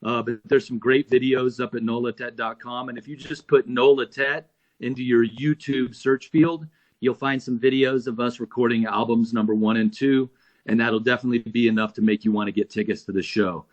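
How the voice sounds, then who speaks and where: A man with a mid-range voice, guesting on an interview about his jazz band. He speaks earnestly and turns animated when telling road stories. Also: mid-range voice, a little fast, highs cut off. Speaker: touring jazz musician, guest. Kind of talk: casual interview.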